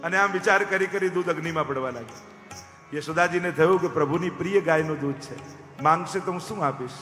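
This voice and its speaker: A man preaching a devotional story sermon as a katha narrator, animated and acting out each character. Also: on the high side, fast talker. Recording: echoey hall with faint music.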